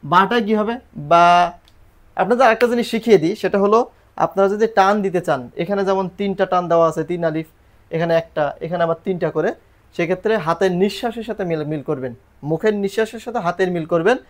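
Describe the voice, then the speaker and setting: A man's voice: high-pitched, fast talker. A man teaching Quran reading and the Arabic alphabet in a recorded lesson, patiently repeating letters and drilling pronunciation.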